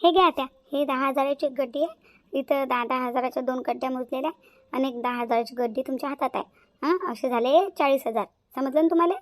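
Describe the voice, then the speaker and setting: A woman with a high, natural voice performs cartoon voice acting as a scheming young daughter-in-law. She talks fast, sounding patronizing and bossy.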